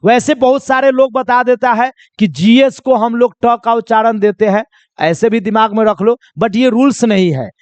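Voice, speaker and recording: A man's voice: extremely high pitch, moderate pace, no echo. A man teaching a spoken English lesson to students he calls children. He asks each question and then answers it himself. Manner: repeats questions and answers them himself, coaxing.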